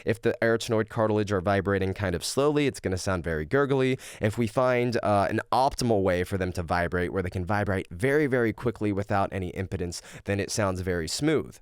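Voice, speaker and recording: A man giving an explanatory lesson as a vocal coach, speaking in an animated, instructive way. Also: fairly low pitch, brisk, hardly any pauses, clear, resonant tone, no echo, studio quality. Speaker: vocal coach teaching screaming technique.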